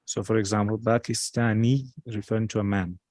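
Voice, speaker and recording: A man's voice: lowish voice, level tone, a little fast, a little mellow, dry recording. A man teaching a study circle, patiently explaining step by step. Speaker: religious teacher.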